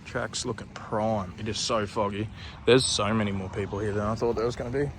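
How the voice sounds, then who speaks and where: Brisk and fairly even in intonation, this lowish male voice chats to camera about his day as a motocross amateur, relaxed, full of slang and swearing. Engines and vehicles rumble around the outdoor vlog.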